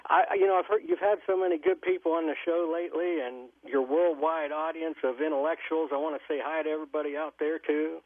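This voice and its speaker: A man's voice: a little high, steady tone, fast, hardly any pauses, dry recording. A man calling in to a talk show over a landline phone, chatting in a rambling, folksy way. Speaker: caller. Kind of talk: casual call-in chat. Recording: tinny phone line.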